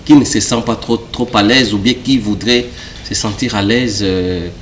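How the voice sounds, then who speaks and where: A man's voice: lowish voice, moderate pace, a little hiss or hum. A man interviewing a professor, asking questions hesitantly with many fillers.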